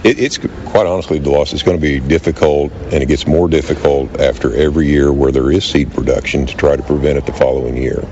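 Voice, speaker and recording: An American man being interviewed as an agricultural expert, explaining in a halting way with repeated words. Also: a bass voice, fairly even intonation, darkish tone. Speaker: interviewed agricultural weed specialist. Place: noisy farm show. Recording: dull sound with clear venue noise.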